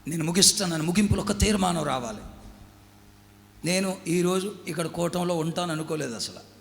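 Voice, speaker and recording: Male pastor, high and insistent, call-and-response sermon, live church reverb. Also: fairly quick, vocal fry. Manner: emphatic preaching with call-and-response to the congregation. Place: church hall. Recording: long hall reverb.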